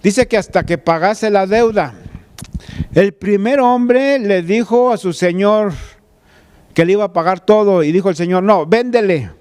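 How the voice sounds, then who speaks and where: A man's voice: sits high, a little slow, darkish tone, smooth. A man preaching a sermon, retelling a scripture story in a conversational way and speaking straight to the listener. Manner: addresses listener directly as "tú". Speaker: pastor.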